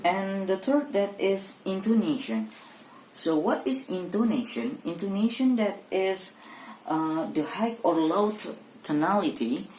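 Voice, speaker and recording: A young woman from Indonesia with an Indonesian accent, giving a university exam presentation in a hesitant, halting way with many fillers and restarts. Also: mid-range voice, animated, darkish tone. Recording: echoey room with faint background noise.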